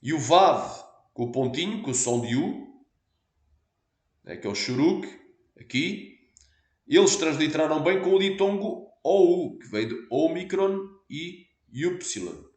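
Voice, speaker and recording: A man's voice: fairly high pitch, expressive, a little slow, darkish tone, reverberant. A man with a European Portuguese accent, a pastor explaining a point patiently in a teaching sermon and asking his listeners for assent.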